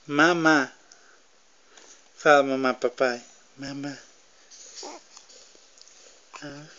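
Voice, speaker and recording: A man's voice: mid-range voice, steady tone, very slow, background noise. A man coaxing his baby to talk, repeating words in a sing-song, teasing way at home. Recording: dull lo-fi home video.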